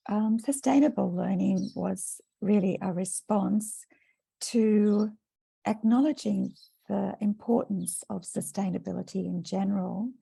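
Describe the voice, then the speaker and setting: An Australian woman, a teacher educator, speaking in a soft-spoken, thoughtful way during an online presentation. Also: mid-range voice, measured pace, creaky, breathy edge. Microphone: video call.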